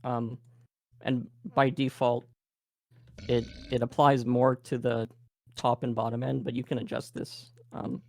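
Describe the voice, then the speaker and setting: A man with a Canadian accent giving a relaxed live workshop demo, thinking aloud with many fillers. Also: medium pitch, unhurried, gravelly. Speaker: game audio presenter.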